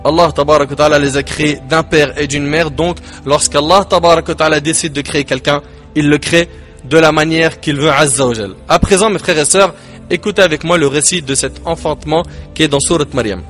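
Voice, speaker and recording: A male preacher giving a sermon in French, emphatic, with rises and dramatic drops and pauses. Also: fairly high pitch, steady tone, a bit bright, soft background music. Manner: emphatic, rising and falling delivery with dramatic pauses.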